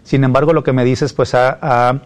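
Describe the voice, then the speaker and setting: A man's voice: medium pitch, fairly even intonation, normal speed. A man interviewing a guest in a friendly, chatty way, asking about faith and career. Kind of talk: conversational interview.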